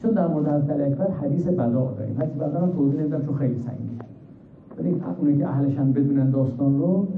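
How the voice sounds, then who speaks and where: Male preacher, high-pitched and impassioned, phone-quality audio, swings hushed to loud in a sermon. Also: far from the mic. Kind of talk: religious sermon with mourning narration. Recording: echoey, phone-like, faint noise.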